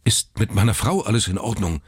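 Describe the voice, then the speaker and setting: A man's voice: lowish voice, big pitch swings, fairly quick, slightly rough, dry recording, studio quality, voice pushed up, heavily acted. A man voicing an anxious new father in a read story, panting out his questions. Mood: pleading.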